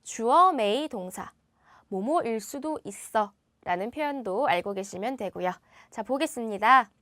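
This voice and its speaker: A woman teaching English phrases in a scripted lesson, reading the English examples slowly and brightly and explaining them in quicker Korean, recorded close in a studio booth. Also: a little high, expressive, no echo.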